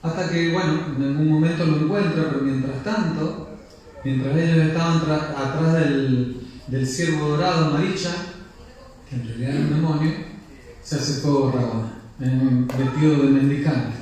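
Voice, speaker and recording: A man's voice: on the high side, moderate pace. Man, telling stories. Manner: lively, chatty, frequent "¿no?" tags. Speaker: storyteller at a temple gathering. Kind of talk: devotional storytelling. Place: temple hall. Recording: very echoey hall, mic at a distance.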